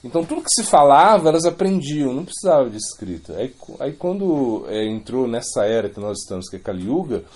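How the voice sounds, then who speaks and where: A man's voice: medium pitch, very animated, fairly quick, hardly any pauses, a little mellow, slight background noise. A man giving an informal religious lecture, rambling, repeating words and adding many questioning asides. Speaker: spiritual teacher.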